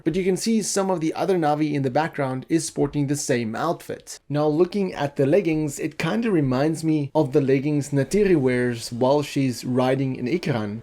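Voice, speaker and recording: Man, fairly high voice, measured explanatory commentary, video host. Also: warm tone. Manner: measured, explanatory, thinking aloud. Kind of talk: film concept breakdown commentary.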